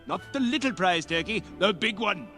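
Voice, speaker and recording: An actor playing a giddy, reformed old miser who cackles and giggles breathlessly in a film. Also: male voice, high voice, lively intonation, moderate pace, bright, forceful tone, faint music behind. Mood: elated. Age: older. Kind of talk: film acting. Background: film score.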